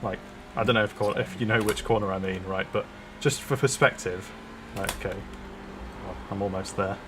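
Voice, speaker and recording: A man's voice: on the low side, steady tone, moderate pace, background noise. A man streaming a sim race, chatting casually and swearing freely while he drives. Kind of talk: casual gaming chat.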